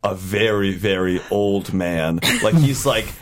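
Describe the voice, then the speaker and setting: A man's voice: sits low, slow. A man at a tabletop game, casually narrating improvised scenes as he thinks them up.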